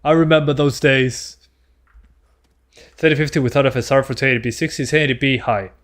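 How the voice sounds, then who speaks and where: A man's voice: mid-range voice, steady tone, fairly quick. A man doing casual gameplay commentary as a streamer, chatting with his viewers as he plays. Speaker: game streamer.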